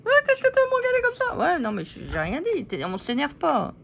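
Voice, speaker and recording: A woman voicing squabbling paper-doll ladies in a squeaky, high, bickering voice. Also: wildly swooping pitch, brisk, creaky, a bit bright, a little hiss or hum, full character voice. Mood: snappy. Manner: bickering, teasing, snappy.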